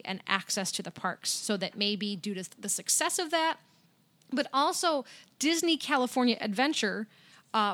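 A woman's voice: medium pitch, fairly bright tone. A woman co-hosting a casual podcast, chatty and upbeat as she runs through news items. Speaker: podcast co-host. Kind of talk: casual podcast chat about theme parks.

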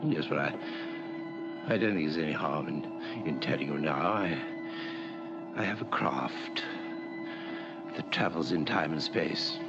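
An actor playing a calm, eccentric male time traveller in a 1960s TV drama, speaking hesitantly and earnestly. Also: rumbling low, a little slow, long pauses, full character voice. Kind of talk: 1960s television drama acting. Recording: muffled archive audio with music under.

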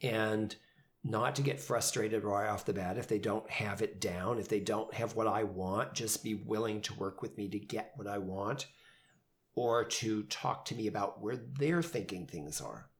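A man's voice: fairly low pitch, unhurried. A man who directs community theater, talking casually in a podcast about coaching new actors, with many fillers and restarts. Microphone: headphones and studio mic.

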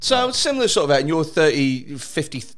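Uk guy in his 30s, bit higher voice, swings up and down a lot, swears loads, rambles off on tangents. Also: big pitch swings, brisk. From United Kingdom. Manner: swears freely, goes off on tangents. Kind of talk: casual chat.

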